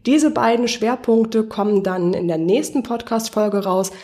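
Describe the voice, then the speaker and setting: A voice coach presents a podcast lesson, explaining encouragingly and speaking straight to the listener with guiding questions. Her voice sits on the high side with a dark tone and a slightly slow pace.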